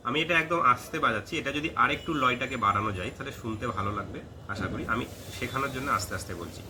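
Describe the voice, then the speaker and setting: A man teaching a flute lesson, slowly chanting note names and singing the lyric lines between short spoken explanations. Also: mid-range voice, very noisy. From India. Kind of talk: step-by-step music lesson. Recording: music clearly heard behind.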